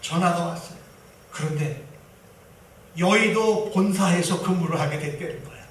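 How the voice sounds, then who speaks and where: A man's voice: high-pitched, moderate pace, distant mic. A male pastor preaching a sermon, telling a story with emphatic turns. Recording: echoey hall from afar, faint hiss.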